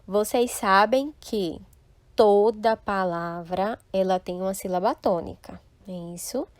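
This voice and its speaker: A woman's voice: mid-range voice, measured pace, no echo. A woman teaching a recorded class, explaining step by step and checking often that the students follow. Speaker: Spanish teacher.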